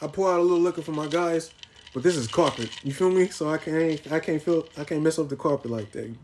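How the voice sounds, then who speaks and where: A man's voice: on the high side, fast talker, darkish tone, slight background noise. A young man hosting his own podcast, ranting in casual profane slang with mock-dramatic grief. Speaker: podcast host. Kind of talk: casual solo podcast rant.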